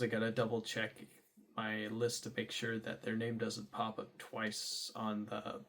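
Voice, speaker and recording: A young man talking casually in a diary vlog, rambling with many fillers and restarts, sometimes bursting into loud high exclamations. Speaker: vlogger.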